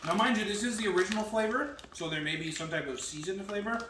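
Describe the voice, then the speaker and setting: A man's voice: sits high, fast talker, fairly bright tone, far from the mic. A man giving a casual, slangy snack review among friends as one of a panel. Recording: echoey room, off-mic, noticeable noise.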